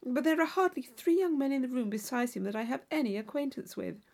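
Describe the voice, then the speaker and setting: A woman voices a naive, eager young country gentlewoman in an audiobook of a classic novel, sounding earnest and enthusiastic. Her voice sits high and creaky, and she speaks fast.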